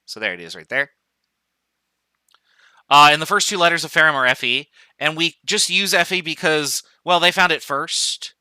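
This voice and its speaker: A man lectures on chemistry in a loose, joking manner, thinking aloud and trailing into fillers. His voice is very bright and crisp at a middle pitch. The sound is dry and close, with no room echo. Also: lively intonation, moderate pace. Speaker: chemistry professor. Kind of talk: online lecture.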